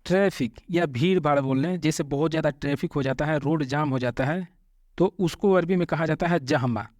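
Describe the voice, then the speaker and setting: A man teaching vocabulary, slowly repeating each word and patiently explaining common mistakes. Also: on the high side, darkish tone, no room sound, studio quality. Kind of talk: Hindi-language vocabulary lesson.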